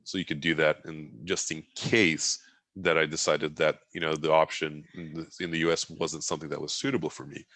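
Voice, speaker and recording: Recounting his life in a loose, conversational way with many restarts, a Turkish man in his forties speaks as a guest in a casual interview, Turkish being his first language. His rumbling low, level voice is fairly quick and a bit bright, in a dry recording.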